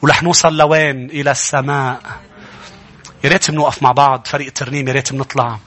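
A middle-aged man with a Lebanese accent, preaching a sermon as pastor, his voice rising into shouted, drawn-out lines. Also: mid-range voice, little pitch movement.

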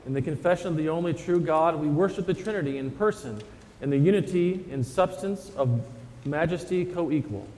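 A man's voice: fairly high pitch, a little mellow, slight background noise. Solemn man's liturgy in cathedral-like echo. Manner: solemn, measured. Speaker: pastor leading a communion liturgy. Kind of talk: formal liturgical recitation. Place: large church interior. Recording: long cathedral-like echo, church hall.

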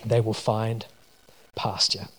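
A New Zealand man with a New Zealand accent preaches a sermon built around a personal story, speaking conversationally with many fillers and restarts. His voice sits on the low side, with a flat delivery, a slow pace and a fairly bright tone. The recording carries a long hall reverb.

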